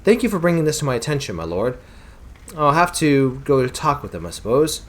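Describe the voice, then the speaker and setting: A polite, worried village leader weighing a hard choice for his people, as a man reads him in nearly his own voice. The delivery is courteous and a little hesitant, with lively rises and falls. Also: medium pitch, a little fast. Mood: concerned.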